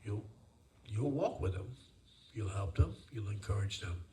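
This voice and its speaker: A man with a fairly low voice delivers seance medium readings, emphatic and given to repeating his phrases. He speaks to sitters directly, as if passing on messages from spirits. The recording is echoey, picked up at some distance from the microphone. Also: unhurried, warm tone. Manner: addresses listeners as dear and sir, repeats phrases. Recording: roomy, distant mic, faint noise.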